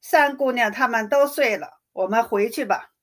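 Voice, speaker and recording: A woman reading aloud and voicing a proud, sharp-tongued young noblewoman in her twenties, brusque and resigned. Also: fairly high pitch, moderate pace, close to an everyday voice. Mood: brisk. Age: 20s.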